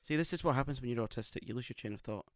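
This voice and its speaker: A man's voice: medium pitch, very fast, no echo. A man co-hosting a casual podcast, with an English accent and a camp, theatrical, teasing way of talking. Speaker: podcast co-host. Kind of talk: casual chat. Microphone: studio microphone.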